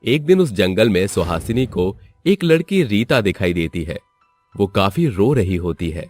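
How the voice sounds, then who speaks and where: A man narrating a storybook tale in an expressive, scripted way. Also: fairly low pitch, a little slow, faint music behind.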